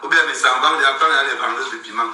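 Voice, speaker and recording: A man from Cameroon hosting a live stream, loud and mocking, repeating his lines. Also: medium pitch, very fast. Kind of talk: heated casual live stream chat. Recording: roomy sound, a bit far from the mic, faint background hum.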